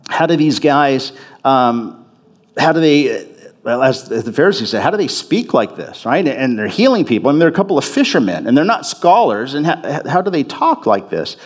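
A man's voice: mid-range voice, very animated, moderate pace. Conversational male pastor preaching. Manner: conversational, self-interrupting, repeats phrases for emphasis. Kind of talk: sermon.

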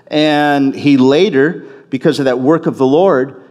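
A man's voice: medium pitch, a little slow, a little mellow. A man preaching a sermon as a pastor in a church, talking conversationally, often restarting and repeating phrases for emphasis.

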